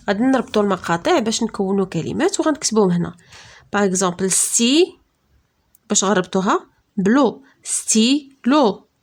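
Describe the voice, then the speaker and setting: Moroccan woman teaching, slow and clear. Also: medium pitch, darkish tone. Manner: slow, careful French words, quick Arabic explanations. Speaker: primary school teacher. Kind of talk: classroom lesson.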